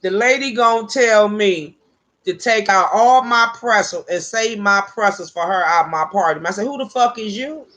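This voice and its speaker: A woman's voice: mid-range voice, moderate pace. A woman casually telling a personal story, profane and laughing often between lines. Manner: animated, with vernacular grammar.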